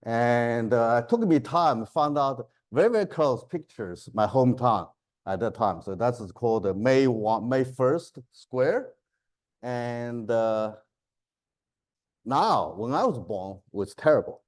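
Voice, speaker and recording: A man's voice: medium pitch, expressive, measured pace. A man in his fifties from China, giving a chatty university lecture in broken English on a clip-on mic and laughing often. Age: 50s. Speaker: professor. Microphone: clip-on lapel mic.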